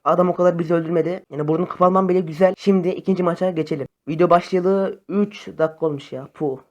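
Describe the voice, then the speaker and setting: A young man chatting casually to his viewers over phone gameplay, excitable and friendly. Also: high-pitched, quick pace, lo-fi sound. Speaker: gaming YouTuber. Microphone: phone camera facecam.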